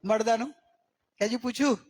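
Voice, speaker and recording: A man giving a religious discourse as a spiritual teacher. He keeps checking in with his listeners and draws key words out slowly for emphasis. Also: very high voice. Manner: questioning, coaxing listeners with repeated checks.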